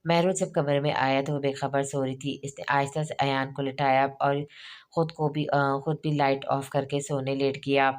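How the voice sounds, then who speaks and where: Very low, flat-voiced woman narrator. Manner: reads all characters in her own voice with small slips and restarts. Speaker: novel reader. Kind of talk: audiobook narration of a romance novel.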